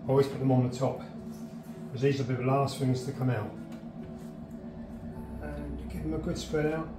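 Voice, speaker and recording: This is a casual indoor demonstration in which a man explains drying garden herbs in his home kitchen. His voice sits in the middle range, the sound is roomy, and his guidance comes across as plain, practical, and chatty.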